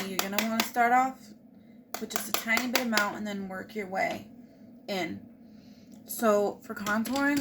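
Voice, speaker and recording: A beauty vlogger with a medium-pitched voice casually walks viewers through her makeup routine, explaining each step, while hiccuping. The background is noisy.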